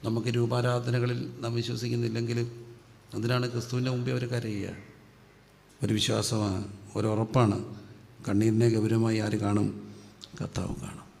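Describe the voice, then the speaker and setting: A man from preaches, his voice gravelly and held in a flat, narrow pitch. He asks questions and answers them himself, bringing his voice down on each answer. The sound carries a long hall reverb over faint background noise. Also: normal speed, pauses often. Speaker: pastor. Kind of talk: sermon.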